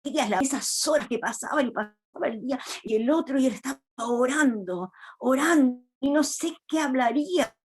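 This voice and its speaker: A woman's voice: high-pitched, expressive, normal speed, breathy edge. A woman preacher giving a sermon in a church, retelling a Bible story in a reflective, earnest way.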